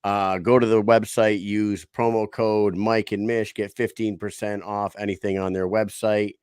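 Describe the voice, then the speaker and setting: A man's voice: lowish voice, level tone, moderate pace, a little mellow, clean tone, dry recording, clean studio sound. A man hosting a casual podcast, swearing freely and hyping things up in street slang. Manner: profane, hype-man banter with street slang. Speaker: show host.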